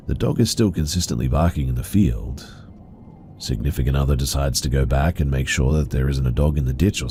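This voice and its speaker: A man narrating reader-submitted horror stories in a steady, even storytelling delivery. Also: rumbling low, creaky, slight background noise.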